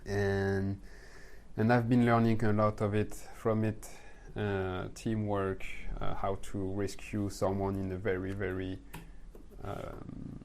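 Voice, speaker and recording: Calm French-accented man, low voice. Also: slow. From France. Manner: calm, thoughtful, searches for words. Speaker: guest, manifestation coach. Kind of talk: podcast conversation.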